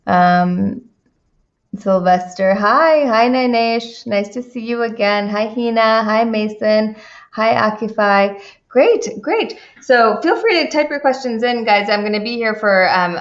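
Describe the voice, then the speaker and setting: Chatty attorney woman on a live stream. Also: mid-range voice. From India. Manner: chatty, many fillers and restarts, greets viewers by name. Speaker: immigration attorney hosting a live Q&A. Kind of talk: live-stream Q&A, reading viewer comments. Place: home office in the Washington DC area. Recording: dull lo-fi stream audio.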